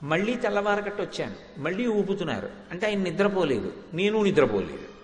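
A man's voice: sits high, big pitch swings, fairly quick. A man giving a devotional discourse from a stage, telling anecdotes and reciting verses, stressing points by repeating words. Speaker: spiritual discourse speaker. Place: stage before an audience. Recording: echoey hall with long reverb.

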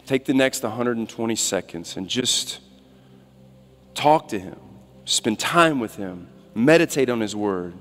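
A man in his thirties preaching as a guest speaker, shifting between quiet reflective asides and loud urgent appeals, on a church stage. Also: medium pitch, expressive, unhurried. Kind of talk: sermon. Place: large church sanctuary stage. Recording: long hall reverb.

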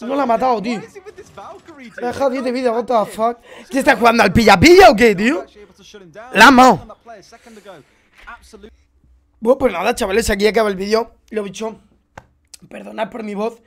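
A hoarse young man from Spain with a Spanish accent, casually commenting on gameplay clips and repeating his reactions. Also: extremely high pitch, fast talker. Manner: repeats phrases, exclaims at plays. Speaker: gaming YouTuber commenting on clips.

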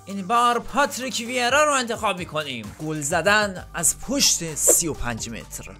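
A man commentating his own football video game challenge, urging and cursing at the players on screen. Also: high voice. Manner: shouts and curses at the players on screen. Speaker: gaming YouTuber. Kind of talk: excited gameplay commentary.

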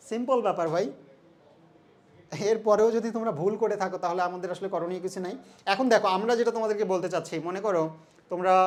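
A young man from Bangladesh teaching an exam solution lesson, conversational and asking his students questions. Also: sits high. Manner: conversational, mixes English terms, asks students questions.

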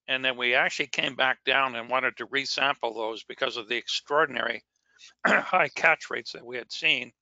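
A fisheries scientist presenting slides at a virtual press conference, who keeps clearing his throat and is losing his voice. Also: medium pitch, bright, forceful tone, no room sound, dull audio. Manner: halting, frequent restarts and throat clearing. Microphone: video call.

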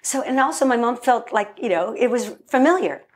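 A middle-aged filmmaker, appearing as a podcast guest, tells a family story in a casual interview, her voice fairly high and her delivery fairly quick. She's an animated storyteller who acts out the voices of the people she quotes.

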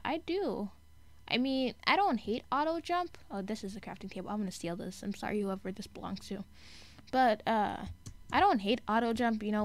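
A woman's voice: mid-range voice, dry recording. A young woman giving casual, rambling commentary while playing a video game, chatty and giggly, often correcting herself mid-sentence. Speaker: gaming YouTuber.

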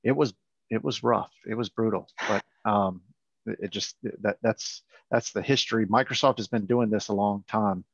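A man co-hosting a casual webinar over a video call, halting and repeating words as he explains. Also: lowish voice, husky, dry recording. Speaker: company founder and co-host. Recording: muffled video call audio.

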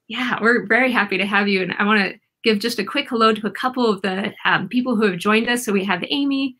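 A woman's voice: mid-range voice, quick pace, bright, forceful tone. A woman in her thirties hosting a live-stream interview, upbeat and enthusiastic. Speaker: host.

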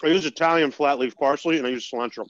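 A man's voice: a little high, fast talker, dry recording, lo-fi sound. A man hosting a casual cooking chat, talking between bites with loose restarts. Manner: chatty, talks while eating, trailing restarts. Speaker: host.

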